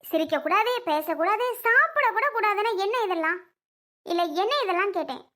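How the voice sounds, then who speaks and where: A woman's voice: very high voice, animated, brisk, bright, forceful tone, heavily acted. A woman playing a young wife who defends herself and complains back at her husband in a family drama skit. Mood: defensive.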